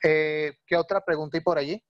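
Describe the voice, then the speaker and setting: A man's voice: on the high side, steady tone, a little fast, no echo, muffled recording. A male language teacher, explaining patiently on a video call and often checking that listeners follow. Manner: patient, many fillers and checking questions.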